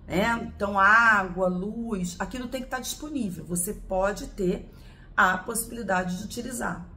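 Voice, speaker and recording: Gravelly-voiced woman teaching a lesson. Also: medium pitch, a bit bright, a little hiss or hum. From Brazil. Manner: didactic, asks and answers own questions. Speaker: law teacher. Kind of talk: explanatory video lesson.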